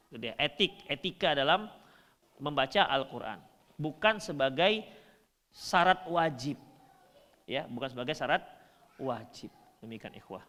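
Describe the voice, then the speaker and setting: A man from North Sumatra, Indonesia, preaching a humorous sermon, shifting between loud and soft. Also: sits high, in a large hall. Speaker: Islamic preacher.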